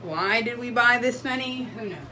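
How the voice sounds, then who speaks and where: A woman's voice: fairly high pitch, normal speed, recorded from a distance, noisy background. A young woman vlogging casually at home, chatting as she walks viewers through her bathroom while decluttering and cleaning.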